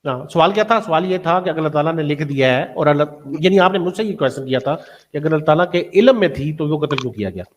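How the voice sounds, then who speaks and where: A man in a heated online debate, explaining calmly and telling the other not to shout. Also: fairly high pitch, quick pace, slight background noise.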